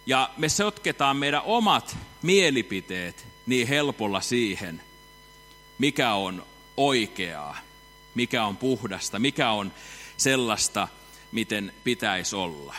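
A man preaching a sermon in a church hall, rhetorical and ironic, dropping to a hush and then rising loud. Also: mid-range voice, animated, faint music behind. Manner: rhetorical, ironic, swinging between hushed and loud. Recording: reverberant hall.

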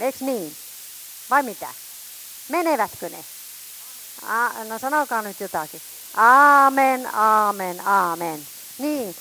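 Woman preacher with a fairly high voice, fervent sermon delivery and shouted cries, slight hiss on the recording. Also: poor audio. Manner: fervent, calls out to the congregation; swings between loud shouts and quiet asides.

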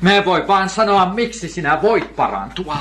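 A man's voice: high voice, expressive, sharp tone. An older man preaching a sermon, emphatic, asking questions and answering them himself, repeating key phrases.

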